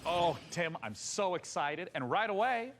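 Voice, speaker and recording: Male showcase host, theatrical and tongue-in-cheek; highish, very lively delivery. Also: a little slow, a little hiss or hum. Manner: theatrical, playfully self-mocking. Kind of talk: scripted show hosting.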